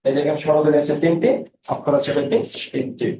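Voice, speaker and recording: A man leads a class, reading out student names and asking the same question again and again until they get it. His voice sits fairly high but sounds mellow. He is far from a dull mic in an echoey room. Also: fairly even intonation, fast, creaky, slight background noise. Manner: drills students with repeated questions; reads out student names and answers. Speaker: Bangla teacher. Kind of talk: online class lecture.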